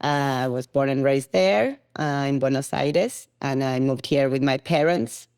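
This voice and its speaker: A woman's voice: rumbling low, a little slow, a little mellow, clean tone, dry recording, clean studio sound. Argentine woman chatting with easy laughs. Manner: laughs often, lots of "you know" fillers. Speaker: guest, tango studio founder. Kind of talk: casual podcast interview.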